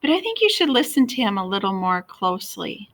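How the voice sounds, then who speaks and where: A woman voicing a caring mother figure who speaks slowly and chooses her words with care, in a read-aloud story. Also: medium pitch, very animated. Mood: earnest. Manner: slow, careful wording. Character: caring stepmother figure, calm and careful.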